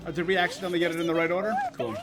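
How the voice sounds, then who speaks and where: Talking very fast, this man's voice sits high with fairly even intonation as he streams a game, musing aloud in a loose, opinionated ramble against background game music.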